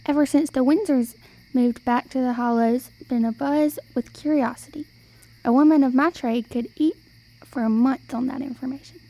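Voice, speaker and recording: For an amateur radio play, a young actress plays a sly, elderly wandering storyteller in a high, soft-edged voice full of folksy, old-timey expressions. Her delivery is coaxing, at a moderate pace with fairly even intonation, and the recording is rough.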